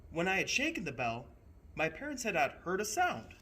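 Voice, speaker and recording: A man narrating a children's story expressively, in a theatrical, deliberate way with dramatic pauses. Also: sits high, wildly swooping pitch, bright, forceful tone, husky. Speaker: storyteller playing a train conductor.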